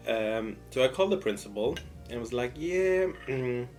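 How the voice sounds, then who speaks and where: Young guy doing a chatty storytime, middling pitch, acts out the dialogue, music playing behind him. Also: normal speed. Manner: animated retelling with repeated words and quoted dialogue. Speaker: mukbang storyteller. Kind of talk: casual personal storytime.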